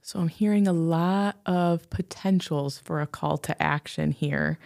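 A woman's voice: low-pitched, measured pace, vocal fry, darkish tone, no room sound, studio quality. A woman co-hosting a podcast, asking thoughtful questions in casual conversation with plenty of filler words. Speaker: podcast co-host.

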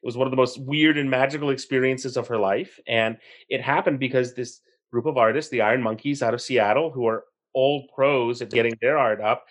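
A man recounts a story in an interview with an animated, storytelling delivery. He readily slips into the voices of the people he describes. His voice sits at an ordinary middle pitch. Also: brisk, hardly any pauses. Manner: animated, acts out characters in the story.

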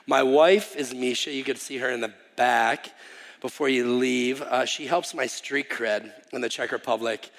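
A Wisconsin man in his thirties, a missionary guest preacher, opens a sermon in a chatty, self-deprecating way, full of ums and restarts. His voice is medium in pitch, steady, moderately paced, and fairly bright. The church sanctuary gives it live hall reverb.

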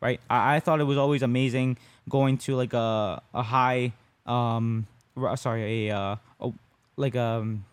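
Clear and resonant, his medium-pitched voice holds a steady tone at a measured pace in a dry recording. He co-hosts a casual podcast about jiu-jitsu, which he competes in, chatting conversationally and checking in with "right?"

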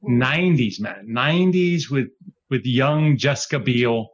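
A man's voice: medium pitch, a little slow. A man chats loosely on a podcast roundtable, wandering between thoughts in an easygoing way. His voice sits mid-range and the audio is a little dull and lo-fi. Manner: rambling, easygoing. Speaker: podcast co-host. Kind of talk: casual roundtable chat.

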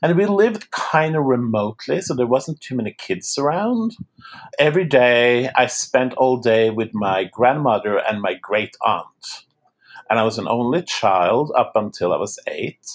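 A chatty man from Norway talks as a podcast guest. He laughs easily, and his voice sits at a middling pitch. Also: expressive, unhurried. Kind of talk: casual interview chat.

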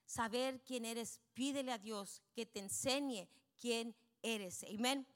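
A middle-aged woman preaching a bilingual sermon in Spanish and English, emphatic, peppering her lines with amens and slowing down on key points. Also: fairly high pitch. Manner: switches between Spanish and English, frequent amens.

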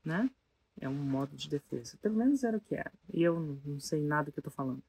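A speaker, telling a story casually to an audience in an animated way and asking the listeners rhetorical questions. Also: medium pitch, quick pace, creaky, breathy edge, dry recording.

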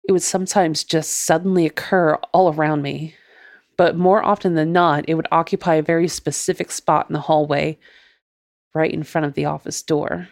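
A woman podcast host narrating her own ghost story in a measured, deliberate way. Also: low-pitched, fairly even intonation, no echo, studio quality.

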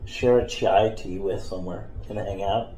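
Joking player in an echoey room. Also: male voice, low voice, fairly even intonation, moderate pace, dark tone. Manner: joking, playful. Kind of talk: casual chat at a tabletop game.

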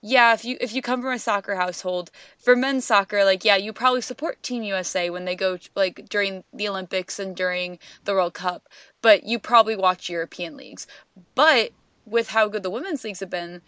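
A woman's voice: mid-range voice, fairly quick, a bit bright, smooth, no room sound. Woman podcaster rambling, lots of likes and ums, dry sound. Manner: rambling, filler-heavy, swears casually. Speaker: podcast co-host. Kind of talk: casual chat.

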